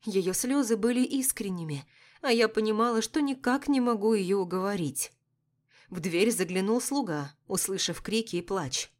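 Woman, audiobook narrator, first-person novel, even measured reading. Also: medium pitch.

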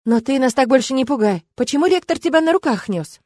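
A woman's voice: high voice, lively intonation, quick pace, darkish tone, no echo, pitched above the performer's own voice. A woman voicing a playful, teasing young female student.

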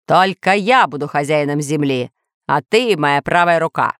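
A woman's voice: low-pitched, lively intonation, normal speed, a bit bright, dry recording, clean studio sound. A woman voicing a boastful, villainous male scientist who rules dinosaurs, pompous and threatening in a storybook reading. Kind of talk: storybook narration.

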